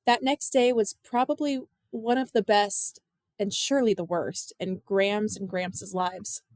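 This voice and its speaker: A woman reading a novel aloud in measured, expressive storytelling narration. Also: mid-range voice, no echo, studio quality. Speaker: audiobook narrator. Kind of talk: scripted narration.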